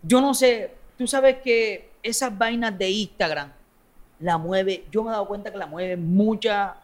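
A man's voice: sits high, a little slow. A man with a coastal Colombian accent chatting casually in an interview, blunt, slangy and foul-mouthed. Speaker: social media content creator being interviewed.

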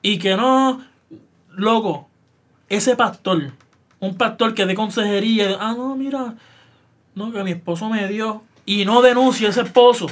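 A high-pitched man, co-hosting a casual podcast. He talks in a heated, animated way and keeps throwing in "papi" and "loco". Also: a little slow. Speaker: podcast co-host.

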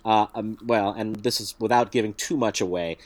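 A man's voice: on the low side, fairly even intonation, normal speed, dry recording. A man co-hosting a casual film review podcast, speaking in a wry, dryly joking way as he recaps a plot. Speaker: podcast co-host.

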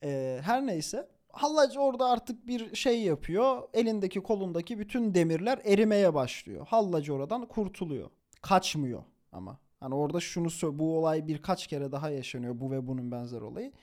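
A young man telling a story in a casual, animated way, chuckling as he goes, with informal slang and quick self-corrections. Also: on the high side.

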